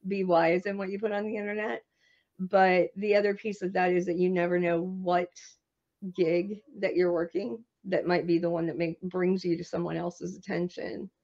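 Woman guest, lowish voice, animated anecdotal delivery, slightly dull lo-fi audio. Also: normal speed. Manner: animated anecdotal storyteller, laughs often. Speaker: screenwriter and marketing guest. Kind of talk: interview storytelling.

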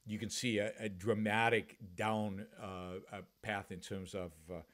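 A man's voice: fairly low pitch, flat delivery, measured pace, a bit bright. A man in his fifties from Israel, hosting a solo talk-radio show from a home office, talking earnestly with many restarts and fillers into a studio mic. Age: 50s. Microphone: studio mic with pop filter, headphones.

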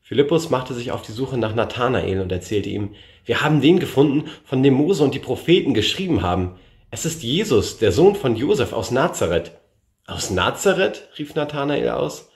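A man reading a Bible passage aloud in a measured way, lifting his voice for the quoted speakers. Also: medium pitch, big pitch swings, darkish tone, reverberant. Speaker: scripture reader.

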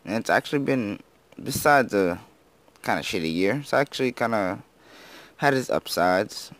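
A teenage boy with a notably deep voice rambles through casual commentary as he plays. He apologizes often, laughs at himself and slurs some words, sounding freshly woken. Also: expressive, moderate pace, fairly bright tone, no room sound. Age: teens. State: just woken up. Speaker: gaming YouTuber.

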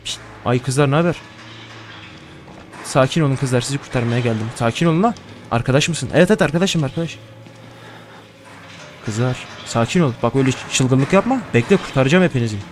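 A man's voice: mid-range voice, brisk, pauses often, a little hiss or hum. A young man giving casual horror gameplay commentary, nervous and joking, swearing often as he plays. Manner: jittery, profane, joking to himself. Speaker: gaming streamer.

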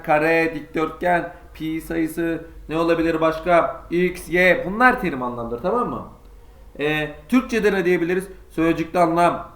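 A man's voice: on the high side, roomy sound. A male Turkish teacher giving an online lesson to sixth graders, chatting as he explains and asking and answering his own questions.

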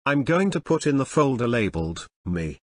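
This is a synthetic text-to-speech male voice, mid-range and sing-song, delivering scripted step-by-step tutorial narration in a measured, instructional way. The recording is dry.

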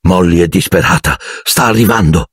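A man voicing an excitable, enthusiastic middle-aged wizard father. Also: sits low, normal speed, breathy edge, no room sound. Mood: excited. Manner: excited, indignant bursts.

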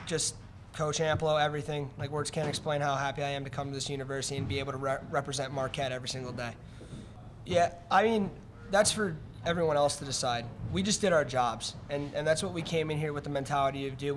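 Young player, flat voice, at a press table. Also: male voice, a little high, a little hiss or hum. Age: young adult. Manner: casual, fills with "like". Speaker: college lacrosse player. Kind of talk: postgame press conference. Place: press room in front of a curtain. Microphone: table mic on a stand.

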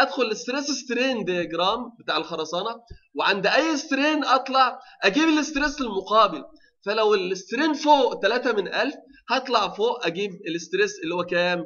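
A man's voice: high voice, pushed and bright, muffled recording. A male university lecturer with an Egyptian Arabic accent, giving a technical lecture, often asking the class rhetorical questions and restarting his sentences.

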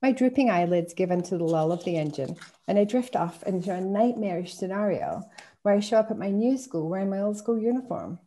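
A woman author reading a first-person story aloud in a measured, descriptive way. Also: mid-range voice, mellow. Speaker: author reading her work.

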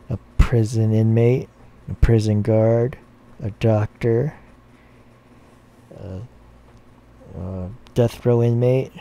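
A man's voice: lowish voice, dark tone. A man voicing a hesitant condemned man who rambles through long lists with fillers.

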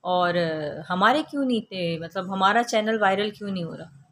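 Young mother vlogging at home, bright voice. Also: mid-range voice, normal speed, slight background noise, rough recording. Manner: coaxing, scolding tone with children. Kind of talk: casual home vlog.

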